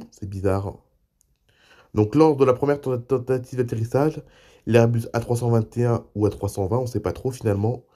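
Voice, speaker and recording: Stuffed up with a cold, a man hosts a homemade aviation news show on YouTube, keeping his voice low and soft. His tone is mellow and dark as he reads articles aloud and then adds loose, chatty asides for his viewers.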